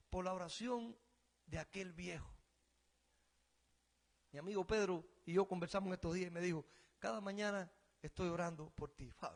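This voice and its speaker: A pastor from Cuba preaches a sermon in Cuban-accented Spanish, his high-pitched voice rising loud on key phrases before dropping quiet.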